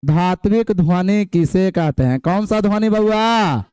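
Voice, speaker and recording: Slow, high-voiced male teacher. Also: a little mellow, clean tone, no room sound. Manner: repeats definitions, quizzes students, folksy asides. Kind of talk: classroom lecture.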